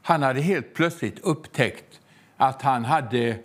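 A man preaching a sermon that tells a story, with slow, emphatic repetitions and frequent hesitant fillers. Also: medium pitch.

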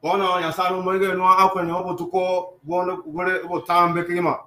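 High-voiced man interpreting a sermon. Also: little pitch movement, a little fast, bright, forceful tone. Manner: echoing each line in call and response. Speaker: church interpreter.

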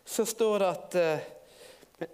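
A man preaching in an informal storytelling way, halting and restarting often. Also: high-pitched, a little mellow, smooth. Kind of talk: sermon.

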